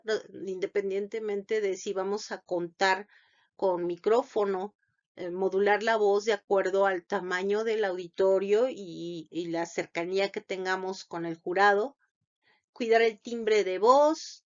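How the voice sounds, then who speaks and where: Woman lecturer, slow delivery, halting with fillers, muffled lo-fi audio. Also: medium pitch. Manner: halting, many fillers and restarts. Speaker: lecturer on thesis defense. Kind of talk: unscripted lecture. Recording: dull lo-fi sound.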